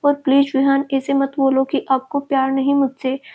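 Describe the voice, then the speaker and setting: A woman's voice: high-pitched, completely flat delivery, moderate pace, natural voice. A woman voicing a desperate young woman who pleads and insists through tears. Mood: pleading, tearful. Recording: dull lo-fi recording.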